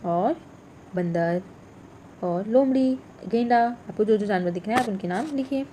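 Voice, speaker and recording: Clear, patient woman teaching small children. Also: mid-range voice, warm tone, slight background noise. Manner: slow, clear, repeats each letter and word. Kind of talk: workbook lesson for young children.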